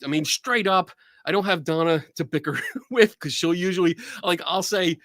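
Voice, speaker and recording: A man with a Philadelphia accent hosting a livestream show in a casual, excitable way, often laughing. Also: high-pitched, moderate pace, dry recording, studio quality. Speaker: podcast host.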